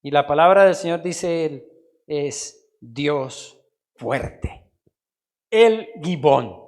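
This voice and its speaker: A Colombian man preaching a sermon as pastor in a church, swinging between quiet asides and loud, emphatic lines. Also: a little high, extremely slow.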